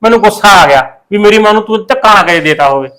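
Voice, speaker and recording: A hot-tempered young husband talks at a racing pace, accusing his wife and then backing down, as an actor plays him. His voice runs high for a man. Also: expressive, racing, a bit bright, smooth, low-quality recording. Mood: accusing, heated. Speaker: son.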